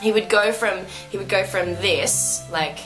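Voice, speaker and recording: A woman's voice: mid-range voice, unhurried, faint music behind, poor audio. A woman giving a casual, chatty review as co-host, in an emphatic, gushing way. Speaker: co-host reviewing a dance show.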